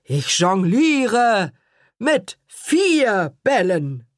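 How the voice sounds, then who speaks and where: A woman voicing a boastful, cheerful father who performs a clumsy magic show, announcing slowly and grandly in a husky voice. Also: medium pitch, very animated, no echo, clean studio sound. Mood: showy. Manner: slow, grand showman's announcing.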